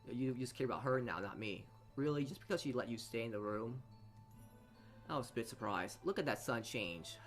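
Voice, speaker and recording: Reading a visual novel aloud for a let's play, a man with an expressive mid-range voice moves a little fast, stumbling and rereading phrases as he adds side comments. Game music fills the background.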